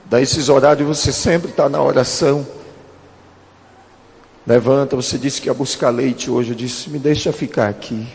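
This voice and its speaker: A man's voice: medium pitch, normal speed, a little mellow, in a large hall. A man, a pastor telling a personal testimony earnestly and calling his listeners beloved.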